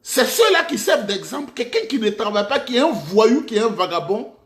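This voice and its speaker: A middle-aged political commentator from Côte d'Ivoire, with an Ivorian French accent, delivers a mocking, rhetorical monologue punctuated by sudden outbursts. His high-pitched voice is brisk and a bit bright, with big pitch swings, recorded in an echoey room.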